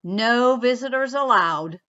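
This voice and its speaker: A woman voicing a grumpy male bear who hates visitors, loud and exasperated. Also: fairly high pitch, expressive, slow, highs cut off, full character voice. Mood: fuming.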